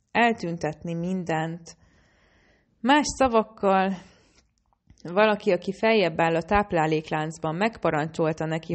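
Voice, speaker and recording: Low, gravelly woman narrating an audiobook. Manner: first-person storytelling.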